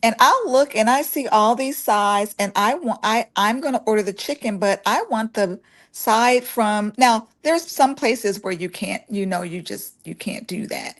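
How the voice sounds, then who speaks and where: A woman's voice: fairly high pitch, a little slow, a bit bright. A woman co-hosting a casual chat, explaining her point with everyday examples.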